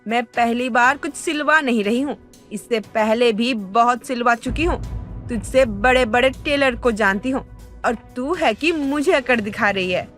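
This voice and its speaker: A woman voicing a quick-tempered middle-aged mother in a cartoon story, haggling and indignant. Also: a little high, animated, fairly bright tone, faint music behind.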